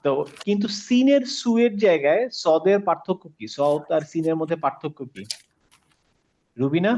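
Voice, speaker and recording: A man's voice: on the high side, animated, a little mellow. Patient man teaching a recitation class. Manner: patient, repeats sounds slowly, asks students questions. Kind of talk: online class lesson.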